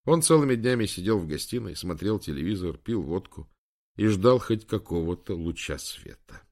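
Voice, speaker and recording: A man narrating an audiobook in a measured, dramatic way. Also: deep voice, vocal fry, darkish tone. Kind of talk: scripted narration.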